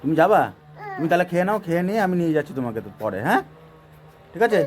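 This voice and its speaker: A man with a voice gone hoarse from a cold, chatting casually and directly to his viewers as a vlogger, outdoors by a bonfire on a cold day. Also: fairly high pitch, very animated, rapid-fire. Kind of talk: casual vlog chat.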